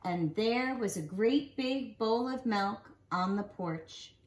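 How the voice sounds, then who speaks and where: In a medium-pitched voice, a nursery school teacher in her forties reads a picture book aloud, animated for little ones and drawing out key words. The roomy home recording from a small living room has a little hiss or hum.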